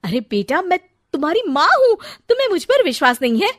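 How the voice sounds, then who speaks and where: Bossy mother-in-law done by a woman: loud scolding, fairly high voice, storybook drama. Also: steady tone, normal speed, natural voice. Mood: pleading. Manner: scolding, raises her voice. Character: harsh bossy middle-aged female mother-in-law.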